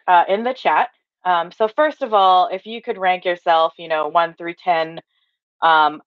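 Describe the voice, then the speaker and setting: Woman, thirties, from Hawaii, online workshop trainer, upbeat and chatty, rather low voice, dull lo-fi call audio. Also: dry recording. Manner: upbeat and chatty, many fillers, answers the chat aloud. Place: home office with bookshelves. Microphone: webcam or laptop mic on a video call.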